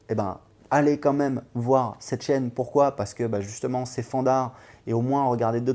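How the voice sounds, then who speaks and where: A man's voice: medium pitch, dark tone. A man hosting a language-learning channel, talking casually and enthusiastically, with many hesitations and fillers. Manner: rambling, full of hesitations and fillers; enthusiastic, recommending. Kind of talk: casual vlog talk.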